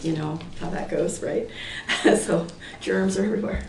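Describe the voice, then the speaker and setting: At a town meeting in Portland, Oregon, a hoarse woman in her sixties who is losing her voice gives informal public testimony, rambling with many fillers and restarts and laughing lightly. Her voice is fairly low and darkish, with fairly even intonation and an unhurried pace. The hall is echoey, she's far from the mic, and there's faint noise.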